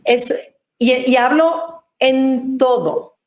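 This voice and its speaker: A woman's voice: sits high, very slow. A woman on a webinar panel, speaking thoughtfully with hesitant restarts.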